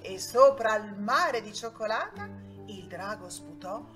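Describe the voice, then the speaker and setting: A woman telling a bedtime story to children, soft, sing-song and expressive. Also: mid-range voice, measured pace, soft background music.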